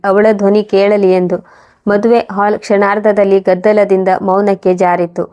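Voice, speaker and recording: A woman reading a scripted moral story in an even, measured way. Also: medium pitch. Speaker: narrator.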